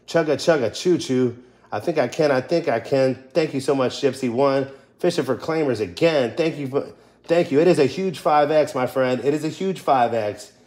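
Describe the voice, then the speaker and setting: With a medium-pitched, slightly mellow voice, a middle-aged man chats easily with his livestream viewers. He's indoors at a wooden table scratching lottery tickets.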